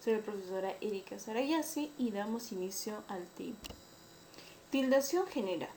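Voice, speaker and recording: A woman with a Peruvian accent teaching an online class for pupils, explaining each point slowly and carefully. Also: medium pitch, mellow, slight background noise. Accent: Peruvian Spanish. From Peru. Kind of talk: virtual class lesson.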